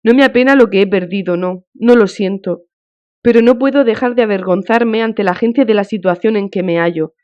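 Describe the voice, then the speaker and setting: A woman reading an audiobook, voicing a grieving, humiliated middle-aged official in a weary, halting, thin voice, on a dull lo-fi recording. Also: mid-range voice, natural voice. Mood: despairing. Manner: weary, broken, halting complaint.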